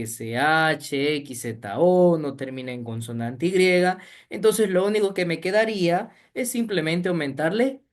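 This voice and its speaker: A woman teaching English grammar step by step, often checking understanding with short tag questions. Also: sits low. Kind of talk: recorded grammar lesson.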